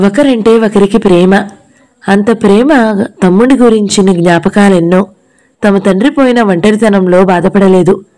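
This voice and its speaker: Woman reading a novel aloud, steady storytelling, mellow soft tone. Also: mid-range voice. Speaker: audio novel narrator.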